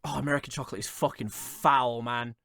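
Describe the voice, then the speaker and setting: A man in casual podcast chat, excitable and swearing freely. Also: mid-range voice, a little fast, vocal fry.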